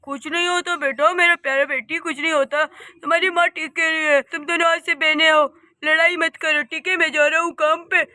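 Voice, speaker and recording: A soothing, affectionate cartoon father, a gentle village man who dotes on his daughters. The voice sits high and bright, and the sound is close and dry. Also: level tone, a little fast, no echo. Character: kind doting village father, middle-aged man. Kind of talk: cartoon voice acting.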